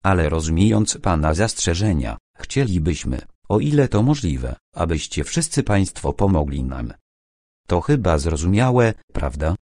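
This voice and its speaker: A man voicing a courteous but firm police inspector in an audiobook, measured and by turns gentle and sharp, in a low voice. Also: big pitch swings, dry recording, clean studio sound, exaggerated voice. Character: stern but courteous middle-aged male police inspector. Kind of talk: audiobook character reading.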